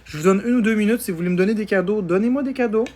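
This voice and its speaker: A man's voice: sits high, rapid-fire, darkish tone. A man, tired, chatting casually on a live stream as he answers viewer comments and thanks people for gifts.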